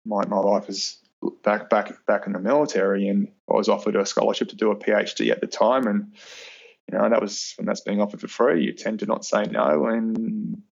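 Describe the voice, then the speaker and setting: Australian man, low-pitched, gravelly, emphatic chat, muffled lo-fi audio. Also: level tone, fairly quick. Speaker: podcast guest, reliability engineer with PhD. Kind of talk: casual interview chat.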